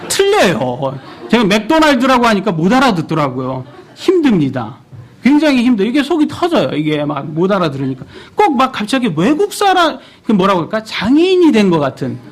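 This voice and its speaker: A man in his thirties delivers a sermon in a church, his voice pitched high and swinging through a wide, lively range. He keeps turning to the congregation with questions. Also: brisk. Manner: animated, asks the congregation questions. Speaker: preacher.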